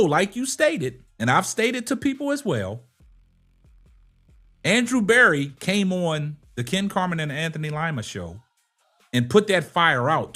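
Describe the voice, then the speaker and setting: A man's voice: on the high side, fairly bright tone. A man hosting a sports talk show, emphatic and argumentative, firing rhetorical questions and checking in with short tags. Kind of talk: sports commentary and debate with a caller.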